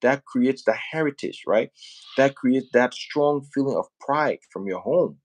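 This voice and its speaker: A man's voice: medium pitch, lively intonation, unhurried. A man from Liberia, hosting a casual live stream and talking earnestly and persuasively, often checking in with "right?". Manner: earnest, persuasive, often asks "right?" and "you know what I mean?". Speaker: host promoting home building back home.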